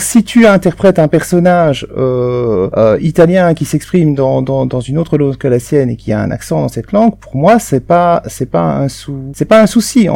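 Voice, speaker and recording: Gravelly-voiced man, hesitant and insistent. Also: medium pitch, warm tone, dry recording. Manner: hesitant, many restarts and fillers, insistent. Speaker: tabletop game panelist. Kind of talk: discussion among game masters.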